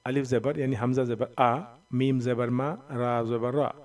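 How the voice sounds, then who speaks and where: A man teaching Quran reading, slowly sounding out letters and syllables, drawing out the long vowels, with a voice that cracks when he strains it. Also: medium pitch, level tone, far from the mic. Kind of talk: Noorani Qaida recitation lesson.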